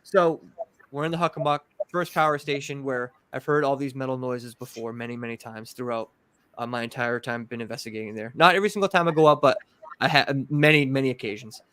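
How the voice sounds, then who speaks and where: A man from Massachusetts, a podcast guest telling paranormal investigation stories in a rambling, animated, filler-heavy way. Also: medium pitch, fast, smooth, dry recording. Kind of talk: casual storytelling.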